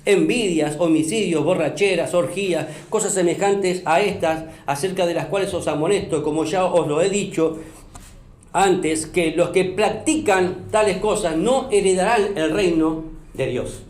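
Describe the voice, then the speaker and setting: High-voiced preacher in echoey church. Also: male voice, measured pace, darkish tone. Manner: preaching, asks the congregation questions; emphatic, repeats phrases. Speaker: pastor. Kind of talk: sermon. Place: church hall.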